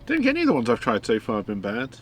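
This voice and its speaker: A man chatting away on a live stream as he cooks outside, rambling with plenty of ums and easy laughs. His pitch swings widely, and faint noise hangs in the background. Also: huge pitch swings, rapid-fire. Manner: rambling, chatty, many fillers, laughs often. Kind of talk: casual live-stream chat while cooking. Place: outdoors in a garden.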